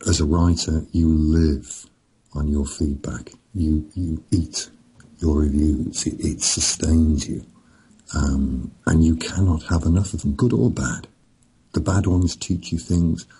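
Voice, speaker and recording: A middle-aged man with a very low, gravelly voice that sounds husky and dark. He talks slowly and rambles through his stories, chuckling as he goes, in a relaxed, casual chat. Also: rough recording. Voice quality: very deep gravelly voice. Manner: slow, rambling, chuckling storyteller. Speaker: author and podcast guest.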